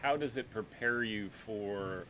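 A man's voice: fairly low pitch, takes it slowly, bright, forceful tone, a little hiss or hum, poor audio. A middle-aged man hosting an interview over a video call, talking with many ums and restarts into a studio mic with a headset. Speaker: interview host, soccer coach. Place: home room.

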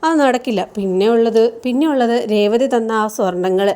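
A woman voicing a sharp-tongued middle-aged mother who scolds her grown son. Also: a little high, fairly quick, clean tone, lightly acted. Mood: scolding. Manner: scolding, exasperated.

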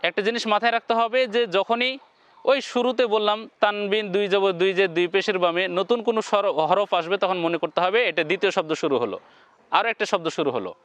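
A man teaching Quran reading in a slow, step-by-step lesson, spelling out syllables one by one and then chanting the whole words. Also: high voice, a bit bright, clean tone, no echo.

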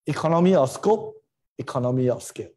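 A man's voice: mid-range voice, expressive, fast, warm tone. A middle-aged Singaporean man giving an informal online lecture in colloquial Singlish, emphatic and full of rhetorical questions and tag words. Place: indoors, on a video call.

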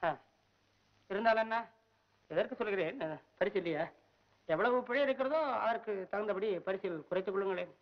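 An actor playing a poor, anxious court poet who argues and wails to himself in fast, comic outbursts, on a dull old film soundtrack. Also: male voice, high voice, lightly acted. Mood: sarcastic. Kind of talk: 1960s film acting.

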